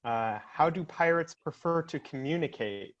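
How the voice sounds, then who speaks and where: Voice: mid-range voice, animated, moderate pace. A speaker telling pirate jokes at a club meeting in an easygoing way, over dull lo-fi video call audio. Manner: easygoing, chuckles at own jokes. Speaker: joke master.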